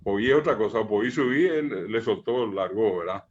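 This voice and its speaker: Patient teacher, muffled call audio. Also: male voice, fairly low pitch, expressive, moderate pace. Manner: patient, repeats examples, many "eh" fillers and "¿verdad?". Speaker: Guaraní language teacher. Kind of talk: explanatory online class.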